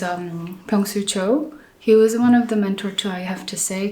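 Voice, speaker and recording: Her mid-range voice echoes in the room as this middle-aged Korean architect, Korean-accented, thoughtfully recounts her life to an interviewer. She often restarts and uses gentle fillers.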